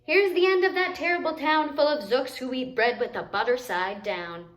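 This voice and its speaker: A woman's voice: sits high, normal speed, a bit bright, reverberant. A woman voicing a fierce, proud old grandfather warrior in a storybook, declaiming defiantly and emphatically. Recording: noticeable background noise.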